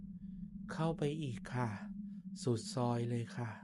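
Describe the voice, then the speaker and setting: An eerie young ghost woman from a told horror story, acted out by a male narrator. She speaks quietly and politely, drawing her words out very slowly. Ambient noise is clearly heard behind the voice. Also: mid-range voice, close to an everyday voice. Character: eerie soft-spoken young female ghost passenger. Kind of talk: ghost story character dialogue.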